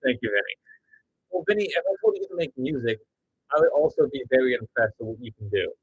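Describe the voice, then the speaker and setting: A man's voice: medium pitch, animated, quick pace, breathy edge, phone-quality sound. A man chatting loosely and jokingly with his viewers as a stop-motion creator on a casual livestream.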